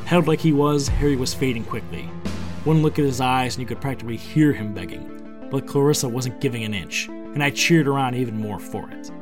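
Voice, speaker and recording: Man, story narrator, steady measured reading, mid pitch, music underneath. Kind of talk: first-person story narration.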